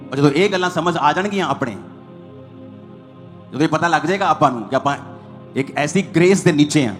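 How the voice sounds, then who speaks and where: A male pastor, preaching quickly in a fairly high voice and driving each point home through short repeated bursts. Soft music plays under his sermon.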